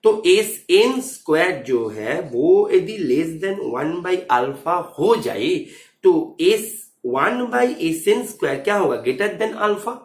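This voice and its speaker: Male math teacher walking students through an exam answer, mixing English terms into Hindi, high lively delivery, echoey room. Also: slow. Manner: checks understanding often. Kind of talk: explaining exam solution.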